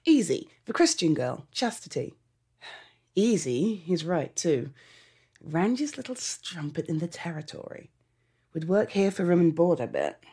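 A woman's voice: lowish voice, big pitch swings, a little slow, warm tone, slightly rough, full character voice. A woman playing a brash, gossipy, saucy gunslinger in a comic Western audio drama.

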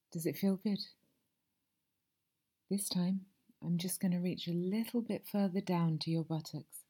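Playing a masseuse in an ASMR roleplay, a woman speaks softly and soothingly, moving between a hushed voice and whispers. Her voice is breathy, mellow and a little low, and she lingers over every phrase.

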